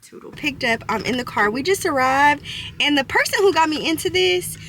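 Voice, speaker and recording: A woman's voice: high voice, animated, fairly quick, crowd noise. A young woman vlogging casually into a handheld phone, chatty and nervous, laughing through her anxiety. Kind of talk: casual vlog to camera. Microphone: handheld phone camera.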